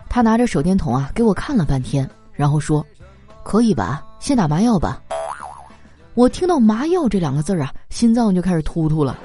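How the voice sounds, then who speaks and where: A woman telling comic stories in a lively, animated way, laughing through her punchlines. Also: fairly low pitch, fast, few pauses, soft background music. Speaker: comedy monologue performer. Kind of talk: stand-up style comic storytelling.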